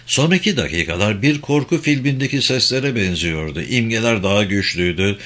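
A man narrating a thriller audiobook in a steady, measured reading. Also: fairly low pitch.

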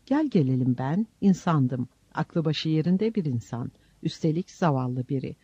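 A man's voice: a little high, animated, normal speed, mellow, breathy edge, dry recording. A man narrating a story in the first person, reading it expressively. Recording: dull lo-fi recording, dry.

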